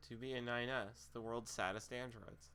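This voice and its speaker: A man's voice: medium pitch, fairly even intonation, normal speed, bright, forceful tone, clear, resonant tone. A man hosting a live tabletop game stream, chatting casually and joking at his own expense. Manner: self-mocking, joking. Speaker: stream host. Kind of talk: casual chat among tabletop players.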